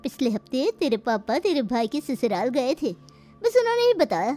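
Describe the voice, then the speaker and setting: A woman's voice: high voice, sing-song, normal speed, warm tone, faint music behind. A woman doing a bossy gossiping mother. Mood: warning. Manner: bossy, warning. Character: fussy, gossiping middle-aged mother.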